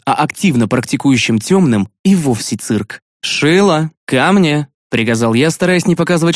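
Male audiobook narrator, dry close reading, mid pitch, sardonic first-person voice with sharp pitch leaps. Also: dry recording. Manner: sardonic, expressive reading with sudden pitch jumps.

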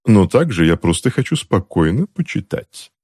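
A man voicing a cold, sardonic aunt who speaks slowly and coolly and mocks her husband. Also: on the low side, sing-song, a little mellow, husky, dry recording, studio quality, voice pushed up, heavily acted. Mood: scornful. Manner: unhurried, cool, mocking. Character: cold, sardonic witch aunt reading a book. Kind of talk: audiobook character voice.

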